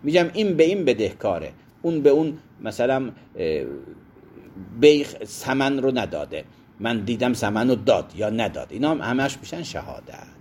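A man's voice: mid-range voice, a little mellow, a little hiss or hum. A man teaching a seminary class on Islamic law, who quotes Arabic legal texts, glosses them and stops to define terms. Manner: explanatory, pauses to define terms. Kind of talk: classroom lecture on Islamic jurisprudence.

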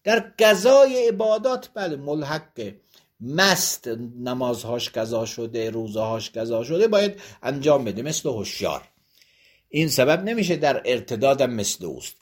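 Man, husky voice, lively rising and falling pitch, reads a text aloud then explains it step by step, seminary lecture. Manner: reads passages aloud, then explains them plainly point by point. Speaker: religious law teacher.

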